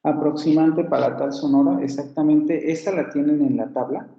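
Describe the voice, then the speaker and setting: A male professor giving an online phonetics class, explaining at length and repeating example words slowly. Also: on the high side, fairly even intonation, vocal fry, heavy reverb, dull audio.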